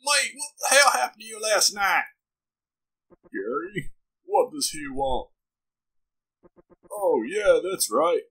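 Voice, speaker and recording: A man commentating a video game, reading its lines aloud in a put-on low, drawn-out "sexy voice" with deadpan timing. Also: husky, poor audio. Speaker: gaming commentator. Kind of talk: let's play commentary.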